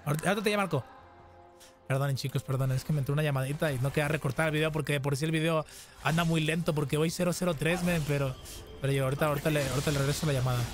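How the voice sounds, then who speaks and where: Male streamer, higher-pitched, excitable play-by-play with teasing sing-song taunts, music bed under. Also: rapid-fire. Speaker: gaming streamer. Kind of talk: casual gameplay commentary. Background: background music.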